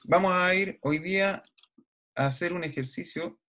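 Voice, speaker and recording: A man gives an online lecture over a computer mic on a video call. His voice sits a little above the usual male range. He explains patiently, checks in with his class every few sentences and pauses on the odd hesitant filler. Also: sits high, pushed and bright, slight background noise. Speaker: university lecturer.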